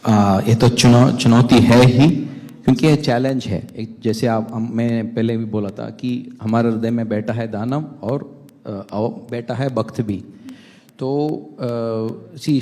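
Middle-aged guy on a panel stage mic, halting spiritual talk, long hall echo. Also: medium pitch, fairly even intonation, warm tone. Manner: halting, many restarts, mixes English words. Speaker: panel guest, temple vice-president. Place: large stage hall with audience. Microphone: handheld mic.

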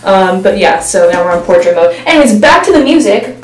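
A woman's voice: medium pitch, very animated, fairly quick. Chatty young woman vlogging in an echoey room. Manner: chatty, rambling with fillers. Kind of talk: casual vlog chat. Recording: roomy echo.

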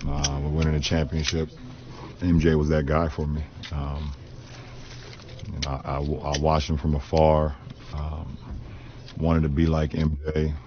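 A man speaking haltingly at a locker-room press conference, with many fillers and repeated words, recorded on press microphones. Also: a bass voice, flat delivery. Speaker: basketball player at postgame press conference. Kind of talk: emotional press conference remarks. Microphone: press mics in front. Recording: muffled broadcast audio with crowd noise.

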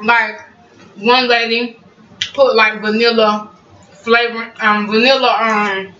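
Chatting casually to y'all while eating in her home kitchen, a cooking vlogger hums over each bite. Her fairly high voice is level, slow, bright and forceful. The muffled home recording feels roomy and distant and carries a little hiss or hum.

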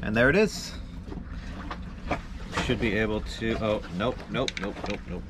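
A man in his thirties talking casually to the camera as a sailing vlogger, relaxed and chatty with small laughs, recorded aboard a small boat. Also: lowish voice, measured pace, heavy background noise. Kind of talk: casual vlog narration. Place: small boat cabin and deck.

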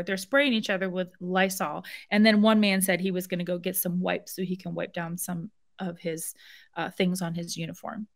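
A woman's voice: mid-range voice, a bit bright. A woman hosting a vlog, commenting on video clips in an emphatic, indignant way. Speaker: vlog host.

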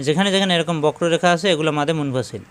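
A man teaching recitation, explaining slowly and then chanting verses in a drawn-out style. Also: on the high side, smooth. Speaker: Quran teacher. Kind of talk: recitation lesson.

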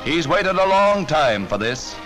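A man's voice: a little high, sing-song, measured pace. A man narrating a 1940s newsreel in a rousing, emphatic announcer style, with the sound of an old newsreel. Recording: narration over loud orchestral music.

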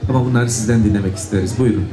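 A man's voice: fairly low pitch, very fast, dark tone. A man moderating a public panel, speaking politely and formally with some hesitation into a microphone. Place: outdoor stage at night before an audience. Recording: echoey public-address sound with crowd.

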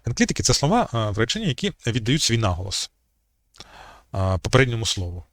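A man's voice: medium pitch, big pitch swings, fast, dry recording. A man giving an unscripted talk on language history as channel host, hesitating often with fillers and restarts.

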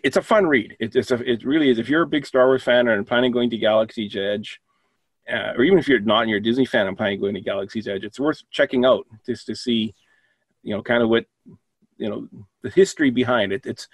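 A man chats casually on a podcast panel. His voice has a middle pitch and is recorded close and dry. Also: fast talker, husky, no echo. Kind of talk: casual chat.

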